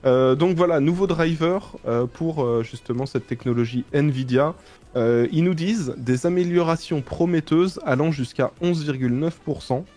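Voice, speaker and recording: A man co-hosting a casual tech news show, reading out the news in a relaxed way with hesitations. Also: on the high side, moderate pace.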